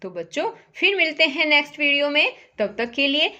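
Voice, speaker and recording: A woman teaching a primary-school Hindi lesson as a voice-over, saying words clearly one by one so children can repeat after her. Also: high-pitched, sing-song, bright, forceful tone. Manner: slow, careful word-by-word drills for repeating.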